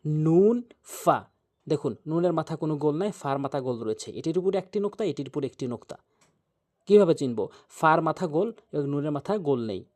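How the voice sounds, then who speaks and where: A man teaching tajweed pronunciation as a Quran reading teacher, patiently repeating each letter slowly and explaining where in the mouth it is made. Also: on the high side, expressive, darkish tone. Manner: repeats each Arabic letter slowly several times to demonstrate.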